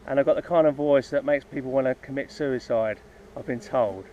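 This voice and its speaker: Talking a little fast in a dark, mid-range voice, a hobby beekeeper vlogs casually outdoors by his beehives. His unscripted explanation of his plans wanders, full of ums and restarts, and the dull lo-fi audio carries a little hiss or hum plus faint buzzing insects.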